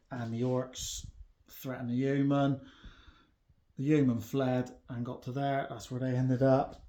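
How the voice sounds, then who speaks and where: A man's voice: medium pitch, warm tone. Chatty man recapping a wargame. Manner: chatty, laughs at his own luck. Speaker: wargamer narrating his army's turns. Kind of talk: casual tabletop battle report.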